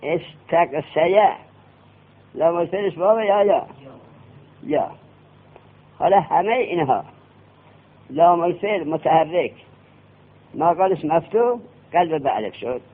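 A man teaching a classroom grammar lesson, quizzing his students with quick questions. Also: on the high side, lively intonation, slightly rough. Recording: tinny lo-fi classroom recording.

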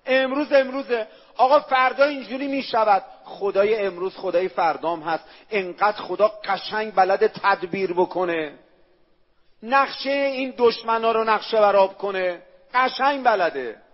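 A man preaching a sermon, emphatic and repetitive, asking the listeners rhetorical questions and reciting Arabic phrases. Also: high-pitched. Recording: echoey hall, dull lo-fi sound.

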